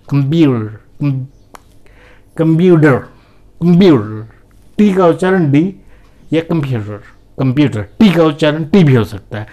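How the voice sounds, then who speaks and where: A man's voice: a little high, darkish tone. A man with an Indian accent teaching English pronunciation, switching between Hindi and English and repeating example words over and over. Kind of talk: classroom pronunciation lesson.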